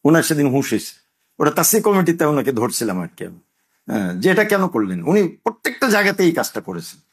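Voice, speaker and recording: A man's voice: a little high, sing-song, quick pace, slightly rough. An older man, a madrasa teacher giving an impassioned religious talk full of rhetorical questions.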